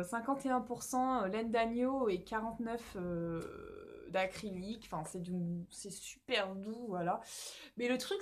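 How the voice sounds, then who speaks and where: A woman's voice: medium pitch, a little mellow. A young French woman chatting casually to her camera about knitting, rambling with lots of fillers and restarts, recorded at home on a phone or camera. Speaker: knitting vlogger.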